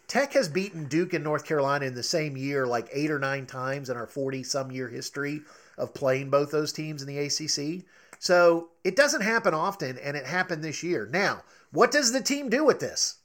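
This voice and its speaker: A male co-host of a sports talk show, speaking with a slightly higher pitch. He talks emphatically and rants about his team's chances. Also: fairly bright tone. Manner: emphatic, ranting.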